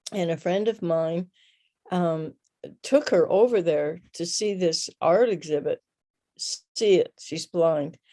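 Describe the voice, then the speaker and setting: A woman from Canada shares a comment over a video call. She speaks slowly, with a soft, mellow tone. She hesitates often and reaches for words, and her feeling stays close to the surface. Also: lowish voice. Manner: halting, searching for words, emotional. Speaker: audience member. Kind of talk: virtual Q&A comment.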